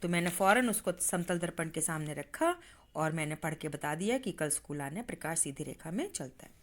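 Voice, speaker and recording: A woman's voice: deep voice, expressive, fairly quick. A woman teacher giving a patient, step-by-step science lesson to schoolchildren, spelling letters aloud as she demonstrates. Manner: patient, addresses pupils as "beta".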